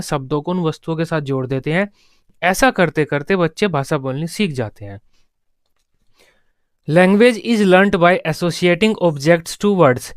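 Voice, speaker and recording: A man's voice: a little high, clean tone, no echo, studio quality. A man teaching an exam-prep lesson, repeating key terms and asking and answering his own questions. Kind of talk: classroom lecture.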